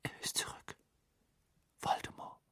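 A man's voice: very high-pitched, expressive, moderate pace, breathy edge, no echo, clean studio sound, pitched above the performer's own voice, full character voice. A man voicing a dazed, injured teenage boy in an audiobook, speaking in a faint whisper.

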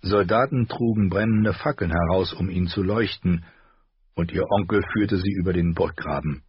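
A man narrating an audiobook with a steady, measured reading. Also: deep voice, slightly rough, dry recording. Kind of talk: scripted narration. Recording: slightly dull, dry audio.

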